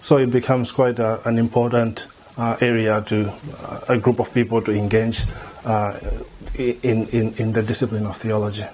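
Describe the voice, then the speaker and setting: A middle-aged man from Malawi, a theology lecturer, answering interview questions in a measured way, often repeating words as he thinks. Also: on the low side, flat delivery, a little mellow, slight background noise. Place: indoor room before a banner.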